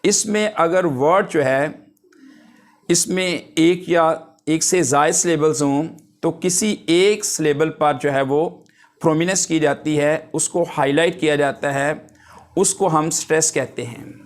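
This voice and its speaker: A man teaching a linguistics lesson, dictating English definitions slowly and then explaining them in a relaxed, conversational way. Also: fairly high pitch. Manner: reads word examples one by one. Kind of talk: lecture.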